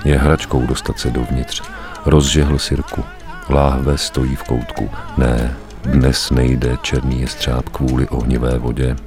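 A man reading a story aloud as a narrator, grave and measured, with weighty pauses. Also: very deep voice, flat delivery, over music. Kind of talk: dramatic audiobook narration.

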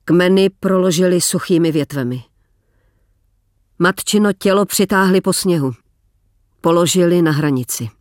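A man narrates a novel in a measured, deliberate reading, slowing for weighty lines. His voice sits a bit high for a man. The sound is close and dry with no room echo. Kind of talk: scripted audiobook narration.

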